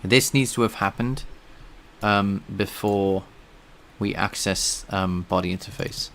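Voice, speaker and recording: Taking things slowly, a man with a low, slightly bright voice codes on a live stream, reasoning aloud and responding to viewers. English is his first language, and the chat stays casual.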